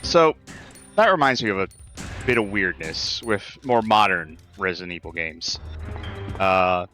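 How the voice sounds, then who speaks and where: Male podcast co-host, fairly low and bright, loose rambling chat full of fillers, with faint game music behind. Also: lively intonation, a little slow. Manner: rambling, full of "like" and restarts, swears casually. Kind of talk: casual chat over gameplay.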